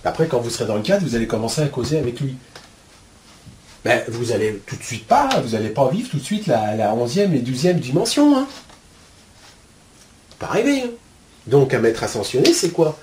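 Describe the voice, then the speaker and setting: A man's voice: mid-range voice, very animated, moderate pace, long pauses, a little mellow, a little hiss or hum. A man giving a spiritual lecture at a board, colloquial and blunt, full of asides. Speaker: spiritual teacher.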